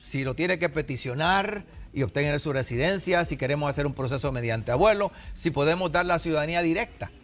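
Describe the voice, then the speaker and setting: A man in his sixties from Puerto Rico explains immigration rules as a TV guest, patient and example-driven. His voice sits a little high for a man. Soft music plays faintly behind him. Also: lively intonation, brisk, hardly any pauses. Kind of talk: explanatory TV interview.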